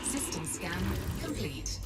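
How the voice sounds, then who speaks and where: A woman voicing a calm spaceship computer that makes clipped, flat status announcements, with a synthetic, metallic ship-computer sound. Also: on the low side, slow pace, faint music behind. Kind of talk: video game system voice.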